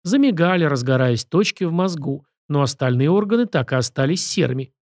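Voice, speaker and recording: A man's voice: a little high, expressive, a little fast, darkish tone, no room sound. Man narrating an audiobook, dry close sound. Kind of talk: first-person audiobook narration.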